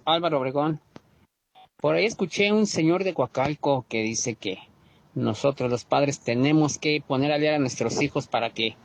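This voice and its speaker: Indignant man leaving a voice message. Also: a little high. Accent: Mexico City Spanish. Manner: indignant, lecturing, repeats his points. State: leaving a recorded voice message for a radio show. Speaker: radio caller. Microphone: phone voice note.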